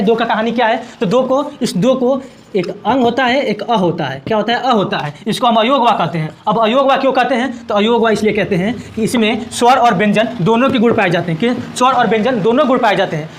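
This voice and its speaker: A man's voice: extremely high pitch, a little fast. A man teaching a grammar lesson at a board, asking questions and answering them himself and repeating each definition.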